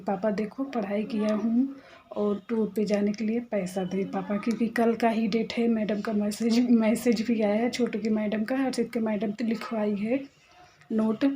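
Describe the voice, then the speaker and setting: A woman's voice: on the high side, mellow, slight background noise, rough recording. A woman in her thirties, a mother chatting to camera at home in a casual vlog, telling stories in a gossipy way and sometimes dropping her voice. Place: at home, near the kitchen.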